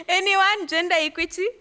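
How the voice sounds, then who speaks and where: A woman's voice: very high-pitched, expressive, unhurried, pushed and bright. A woman leading a workshop discussion, asking the room questions and laughing often. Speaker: workshop facilitator. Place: conference room.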